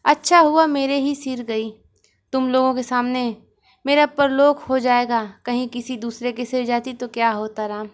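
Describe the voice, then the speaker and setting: A woman's voice: a little high, fairly even intonation, normal speed, close to an everyday voice. A woman voicing an ailing old mother who groans, laments and makes sly demands, in a read-aloud story. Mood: moaning.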